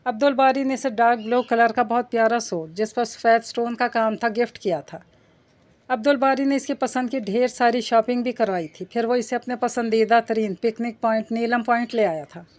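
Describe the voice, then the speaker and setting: A woman reading a romance novel aloud as an audiobook. Her voice sits somewhat high, with steady, even storytelling. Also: brisk. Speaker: narrator.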